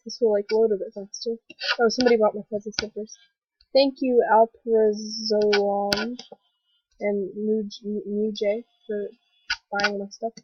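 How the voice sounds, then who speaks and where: A young woman with a stuffy cold voice hosting a casual gaming commentary vlog, rambling excitedly with lots of fillers. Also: medium pitch, unhurried, noisy background. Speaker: gaming video host. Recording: dull lo-fi voice recording.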